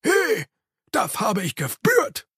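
Guy doing a squeaky excited servant, strained and loud-ish, dry audiobook sound. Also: slow, slightly rough, dry recording, exaggerated voice. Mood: eager. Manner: high, strained, emphatic.

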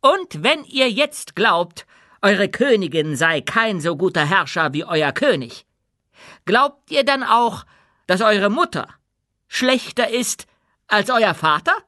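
A man voicing a commanding dwarf queen in an audiobook, speaking with loud, proud oratory. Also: high voice, sing-song, takes it slowly, no echo, studio quality, pitched above the performer's own voice, heavily acted. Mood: challenging. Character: commanding dwarf queen addressing her people. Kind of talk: audiobook character voice.

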